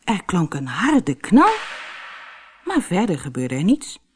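A woman reading a children's storybook aloud with lively, expressive storytelling. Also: on the low side, slow, slight background noise. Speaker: narrator.

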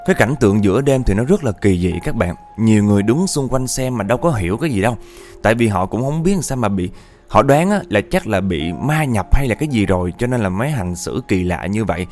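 A man's voice: on the low side, a little mellow. A man tells a ghost story in a chatty, conversational way. He keeps turning to address his listeners directly, and faint music plays underneath.

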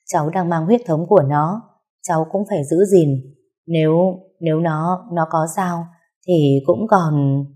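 A woman voicing an older man, a worried, grieving uncle who speaks softly and haltingly in a storybook reading. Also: sits low. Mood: gentle.

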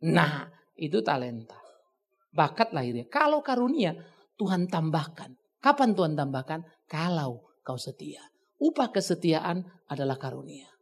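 A male pastor preaching a topical sermon, conversational and teasing, swinging between loud exclamations and soft asides. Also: fairly high pitch, very animated, moderate pace, gravelly, slightly rough. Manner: conversational, teasing, uses slang.

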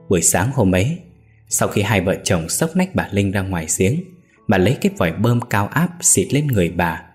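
Brief: male narrator, low-pitched, grave measured storytelling, faint music bed. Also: a little mellow.

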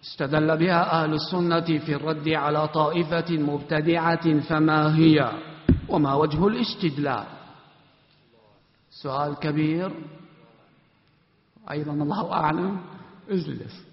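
A man teaching an Islamic study class, quizzing students one by one in a commanding, brisk way with a sometimes chant-like delivery. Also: fairly high pitch, fairly even intonation. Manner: commanding, brisk orders to stand and sit. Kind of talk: classroom question and answer. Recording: echoey hall, dull lo-fi sound.

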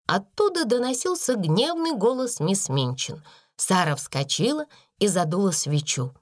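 Woman, audiobook narrator, expressive storytelling, very lively pitch, dry close sound. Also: measured pace, no room sound. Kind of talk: scripted narration.

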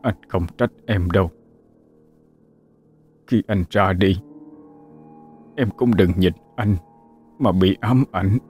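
A man voicing a dying young husband who gently consoles his wife in a ghost story. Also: low-pitched, soft background music. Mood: tender consoling. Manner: soft, slow, comforting.

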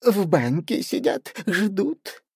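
Man doing a squeaky, fawning sidekick. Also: sing-song, slow pace, vocal fry, darkish tone, breathy edge, no echo, studio quality, full character voice. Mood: meek. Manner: meek, squeaky, hesitant. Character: timid fawning leech-seller assistant, man. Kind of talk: audiobook character voice.

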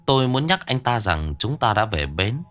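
A man's voice: fairly low pitch, sing-song, normal speed, fairly bright tone. A man narrating a ghost story in a tense, dramatic storytelling manner.

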